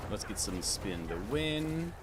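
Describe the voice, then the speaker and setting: This man, livestreaming a game, chats casually and greets viewers by name, calling them sir, in a medium-pitched, sing-song voice at a slow pace. Clear background noise is present in the recording.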